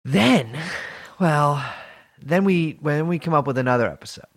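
Stuffy-nosed man bantering, slightly high voice. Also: animated, normal speed. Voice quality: nasal, stuffed-up nose. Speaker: podcast co-host. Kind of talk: casual comic podcast banter.

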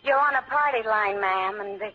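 An actress playing a polite, brisk telephone operator in a 1940s radio drama, her clipped and courteous voice coming through an old telephone line. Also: medium pitch, breathy edge. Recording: dull lo-fi old radio broadcast with music behind.

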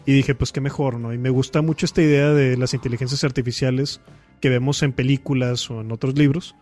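Relaxed man chatting casually. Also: medium pitch, brisk, faint music behind. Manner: relaxed, slangy, many fillers. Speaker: podcast guest, author. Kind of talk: casual podcast chat.

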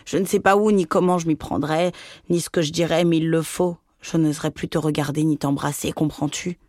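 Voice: medium pitch, steady tone, a little fast, darkish tone, dry recording, clean studio sound, close to an everyday voice. A reader voicing a middle-aged mother, weary and pleading in her shame. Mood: sorrowful.

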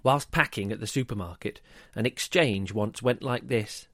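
A man narrating a rhyming children's story in a lively, expressive way. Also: lowish voice, normal speed, no echo, studio quality.

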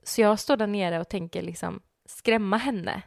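A woman with a Swedish accent, co-hosting a podcast in casual chat, telling stories with animated acted-out quotes and frequent laughter. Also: mid-range voice, creaky, dry recording, clean studio sound. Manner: animated storyteller, acts out quotes, laughs often. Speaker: podcast co-host.

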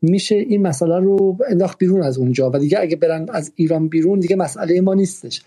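A male host moderating a discussion, thoughtful and hesitant, with many pauses and fillers. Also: high voice, mellow.

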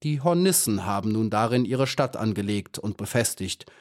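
A pedantic centipede who doubts everything, as a man reads him in a storybook audiobook. His voice is fairly low and only a little lifted. He talks steadily, with fussy care. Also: expressive, normal speed, a little mellow, natural voice. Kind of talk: audiobook character voice.

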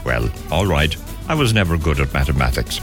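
Male presenter, West Cork Irish accent, deep and very expressive, scripted radio narration over music. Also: brisk. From Castletownbere, West Cork, Ireland. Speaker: radio programme host.

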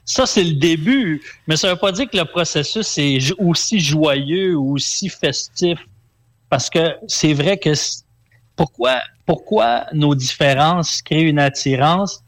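A man, a relationship coach on a radio show, explaining ideas in a relaxed way. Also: on the high side, unhurried. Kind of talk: casual radio chat.

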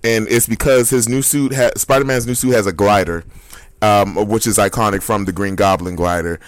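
A man with a low voice talks comics in a relaxed podcast chat. He reacts in an animated way and jumps up high in disbelief. The sound is close and dry. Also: normal speed, no echo. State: hiccups. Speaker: podcast co-host. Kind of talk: casual comic book chat.

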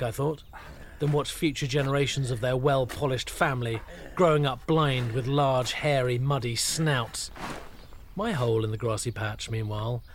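A man tells a comic story in a deadpan, mock-grand way, as if reading a serious report. His voice sits at an ordinary middle pitch, and a faint hiss lies under the recording. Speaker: narrator of a comic pub review. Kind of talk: scripted comic narration.

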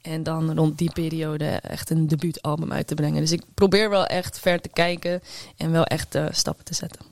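Een vrouwelijke popartiest die als gast in een podcast levendig en met veel stopwoordjes over haar muziek vertelt. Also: female voice, deep voice, moderate pace, no echo. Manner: energetic, chatty, many fillers. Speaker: guest musician. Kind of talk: podcast interview. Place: studio at a table.

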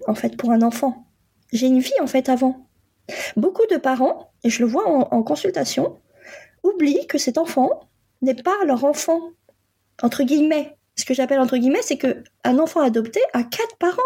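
Speaking as a guest, a coach and psychotherapist in her forties who was born in Poland shares a reflective personal testimony about her own story. She hesitates often, with many pauses and fillers. Her high-pitched voice is expressive and warm in tone.

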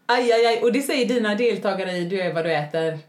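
A woman's voice: mid-range voice, expressive, slight background noise. Chatty woman podcaster in an echoey room. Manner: chatty, self-mocking, laughs often. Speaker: podcast co-host. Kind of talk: casual chat.

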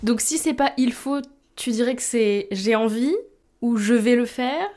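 A woman hosting a casual podcast interview, friendly and quick to laugh. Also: on the high side, darkish tone. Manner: friendly, laughs easily, quick back-channel replies. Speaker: podcast host.

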